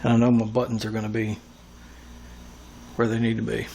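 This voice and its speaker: A man's voice: fairly low pitch, completely flat delivery, fairly quick, creaky, warm tone, slight background noise. A man giving a hands-on workshop tutorial, talking through each step as he works with his tools. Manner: talks through each step while working. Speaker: airgun tuner demonstrating machining.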